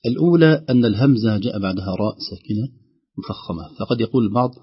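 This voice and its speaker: Husky fast-talking man teaching recitation. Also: fairly low pitch, lively intonation, muffled recording. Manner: explains carefully, slowly demonstrating words aloud. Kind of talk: radio explanation of recitation rules.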